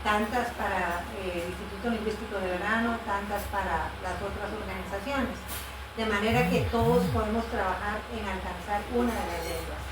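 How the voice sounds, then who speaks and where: A woman with a mid-range voice, speaking at normal speed, patiently describes her work as a missionary Bible translator in a conversational interview, using fillers and correcting herself. The mic is distant and roomy, with background noise.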